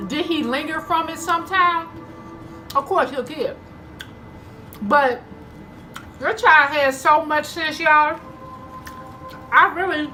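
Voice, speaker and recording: A woman's voice: high voice, sharp tone, rough recording. A woman telling stories casually to her viewers in a conversational way while eating, acting out bits of dialogue. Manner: conversational, addresses viewers as y'all, acts out dialogue. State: eating, chewing between phrases. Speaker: mukbang vlogger.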